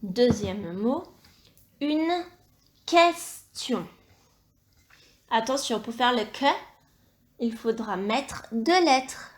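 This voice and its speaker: Woman teacher, fairly high voice, slow and deliberate, patient, spells out every sound for young kids. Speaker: primary school teacher. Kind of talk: slow, clearly articulated dictation lesson.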